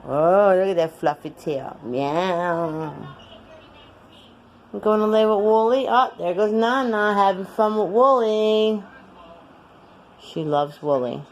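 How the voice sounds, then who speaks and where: A woman filming at home, cooing baby talk to her cats in drawn-out, sing-song phrases. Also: mid-range voice, muffled recording, a little hiss or hum. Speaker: cat rescuer filming her pets. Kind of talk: casual home video talking to cats. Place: at home indoors.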